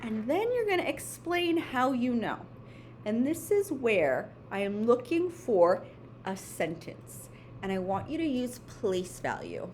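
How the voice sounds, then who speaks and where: A woman's voice: on the high side, big pitch swings, measured pace, a little mellow, a little hiss or hum. A woman teaching children in a playful, instructional way, breaking steps into short phrases and checking in often as she goes. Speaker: elementary school math teacher. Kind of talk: step-by-step homework lesson for children.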